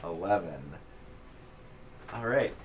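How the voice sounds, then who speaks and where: A man narrating a tabletop role-playing game to his players as game master, building scenes in halting, drawn-out descriptions. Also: sits low, animated, heavy background noise.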